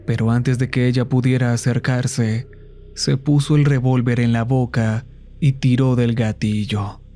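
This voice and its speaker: A man narrating a horror story in a slow, somber storytelling manner. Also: medium pitch, steady tone, dark tone.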